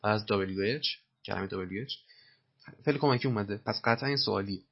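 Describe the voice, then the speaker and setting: A man's voice: on the low side, slightly rough, lo-fi sound. A man teaching English by explaining film lines, patiently repeating words and spelling them out.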